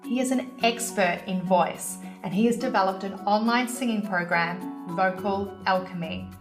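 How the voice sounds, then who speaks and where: A woman reading a scripted intro for a show in a measured, promotional way. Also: medium pitch. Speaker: host. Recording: voice-over with clear music bed.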